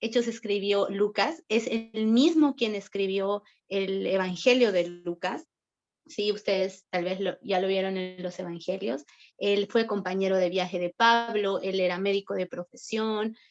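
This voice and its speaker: A woman's voice: mid-range voice, measured pace. A woman teaching a Bible class online, talkative and friendly, asking the students questions. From not from Chile, works near Temuco. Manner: chatty, friendly, asks questions. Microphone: video call. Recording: dull lo-fi video call audio.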